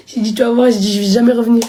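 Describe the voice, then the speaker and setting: A woman in her twenties telling a personal story on a livestream in casual slang, acting out quoted lines with sudden high jumps. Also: darkish tone. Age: 20s. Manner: rapid slangy talk, acting out quotes with big pitch jumps. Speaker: live streamer.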